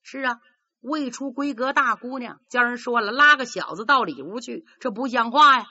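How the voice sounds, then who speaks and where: A woman telling a traditional story in a lively, dramatic manner, voicing every character herself. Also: a little high, moderate pace. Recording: dull lo-fi recording.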